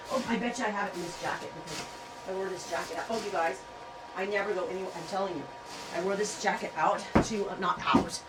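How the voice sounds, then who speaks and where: A woman with a head cold that stuffs her up vlogs from her farm home about yarn and fiber, casually rambling through stories for viewers and laughing often. Her voice is medium-pitched, she is far from the mic, and there is background noise.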